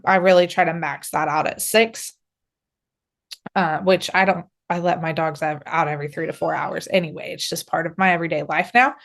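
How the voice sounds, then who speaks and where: A middle-aged woman dog trainer giving practical, reassuring instructions to camera, with many fillers and restarts. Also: fairly low pitch.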